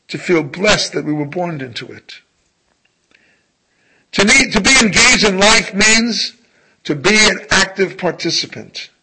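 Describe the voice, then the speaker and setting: A male rabbi giving a sermon in a slow, emphatic way, often letting his phrase endings fall soft. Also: high-pitched, husky, rough recording.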